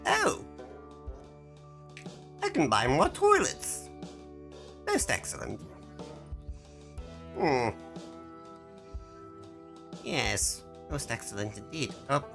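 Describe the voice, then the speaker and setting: A woman's voice: a bass voice, sing-song, very slow, vocal fry, pauses often, a bit bright, faint music behind, pitched below the performer's own voice, exaggerated voice. A woman voicing an alien shopkeeper who fakes being human, speaking in a stilted, overly formal way with musing hums. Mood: pompous. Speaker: streamer playing a shop game.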